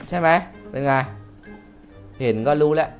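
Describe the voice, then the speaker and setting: A young man, giving excitable let's play commentary and shouting and cursing at the game. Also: fairly high pitch, normal speed, faint music behind. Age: young adult. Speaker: gamer.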